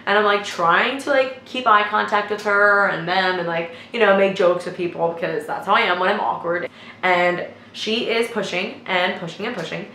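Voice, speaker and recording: A young woman, a nursing student, telling a story casually in a chatty, animated way with lots of filler words. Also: medium pitch, moderate pace. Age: young adult. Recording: echoey room with faint noise.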